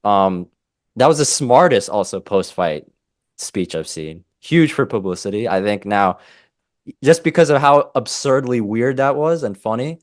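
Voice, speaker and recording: A young man co-hosting a casual fight-analysis podcast, opinionated and animated, often breaking off mid-sentence. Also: mid-range voice, a little slow, dry recording, studio quality. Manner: animated, opinionated, self-interrupting. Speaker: MMA podcast co-host.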